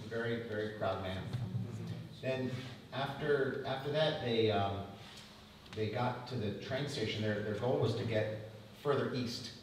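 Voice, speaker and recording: A man's voice: mid-range voice, a little hiss or hum. Middle-aged guy telling family history, stumbles and repeats, mic far off in a big echoey room. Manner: halting, repeats words while recounting. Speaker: lecture speaker. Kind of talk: family storytelling at a public talk. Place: museum lecture room.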